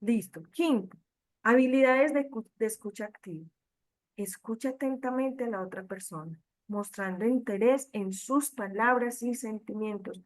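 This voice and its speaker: A woman's voice: a little high, normal speed. A woman leading an online training talk for catechists, speaking directly to them. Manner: direct, addresses listeners as catechists. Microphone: computer mic on video call.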